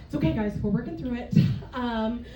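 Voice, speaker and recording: A woman's voice: a little high, brisk, far from the mic, over a noisy crowd. A woman in her forties doing a stand-up comedy set, telling stories with laughing asides. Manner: animated storytelling with laughing asides. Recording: roomy club sound from off mic. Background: audience laughter.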